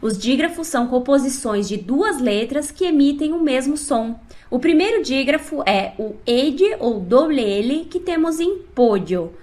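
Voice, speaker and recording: A woman teaching a scripted online language lesson, explaining clearly and speaking directly to the learner. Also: sits high, expressive, a little slow, hardly any pauses, a little mellow. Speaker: Spanish teacher.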